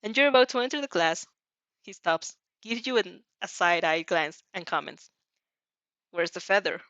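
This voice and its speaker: A woman reads a fan fiction story aloud expressively and informally, stumbling over sentences and breaking off to react casually. Her mid-range voice is fairly bright and moves at normal speed. The recording has no room sound and is slightly dull and dry.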